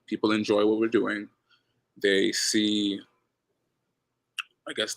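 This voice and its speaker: With a fairly low pitch and vocal fry, a basketball coach from Ghana chats casually as a guest. His manner is relaxed, he repeats words as he goes, and he tells listeners he has a loud voice.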